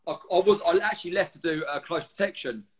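A man in his forties with an Essex accent and a slightly high-set voice. He chats informally in an interview, telling stories in blokey slang with the odd swear word. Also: fast talker. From Essex, England. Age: 40s. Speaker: guest, former military serviceman. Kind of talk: casual anecdotal interview chat.

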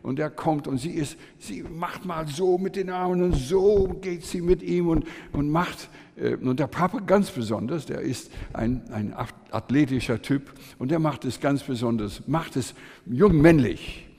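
An older man giving a sermon, telling stories with lively swings in pitch and loudness, often hesitating with fillers and restarts. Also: measured pace, slightly rough. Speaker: preacher. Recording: long hall reverb.

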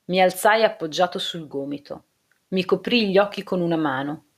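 Woman with a low voice reading a novel. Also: moderate pace. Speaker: audiobook narrator. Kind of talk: literary audiobook narration.

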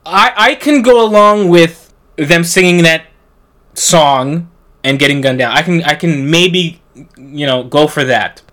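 Man, fairly high voice, sarcastic, animated, laughing, casual movie podcast. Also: unhurried. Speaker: podcast co-host. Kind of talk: casual movie-review chat.

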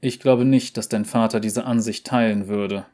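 Storybook: dutiful veteran seneschal, solemn and measured, deep-ish, male reader's own voice. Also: steady tone, mellow, close to an everyday voice. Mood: grave.

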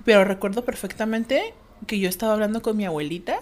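A young woman in her twenties with a Mexican accent, telling animated, slangy stories in a casual chat. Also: mid-range voice, fast talker. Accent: Mexican Spanish.

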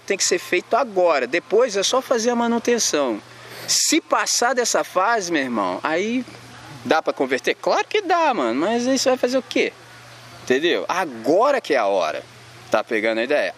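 Slangy, animated Brazilian youth preacher man. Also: on the high side, slight background noise. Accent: Brazilian Portuguese. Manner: slangy, animated, acts out little scenes. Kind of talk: informal sermon to young people.

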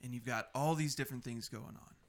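A man's voice: mid-range voice, fast talker. A man hosting a tabletop role-playing show and recapping the adventure as game master.

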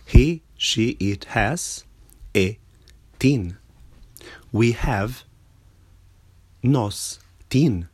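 A man teaching a language lesson, patiently repeating each word slowly and stressing its syllables. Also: mid-range voice, animated, darkish tone, breathy edge, no room sound. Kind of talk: slow spoken language lesson.

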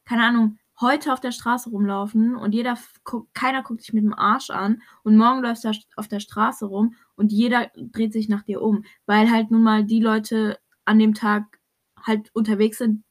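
A young woman chatting casually, slangy and animated, dropping English swear words as she retells a night out. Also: fairly high pitch, moderate pace. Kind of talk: casual chat.

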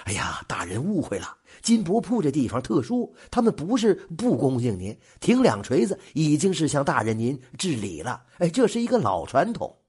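A man's voice: fairly high pitch, wildly swooping pitch, moderate pace, few pauses, darkish tone, husky, full character voice. A man voicing an eager, deferential male clerk who keeps sighing "ai" between phrases. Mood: coaxing. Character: fawning nervous male clerk, eager to please.

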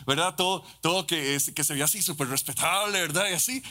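A Costa Rican pastor preaching a sermon in a fervent way, often restarting and adding tag questions. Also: male voice, on the high side, fast talker, bright, forceful tone. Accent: Costa Rican Spanish. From Costa Rica.

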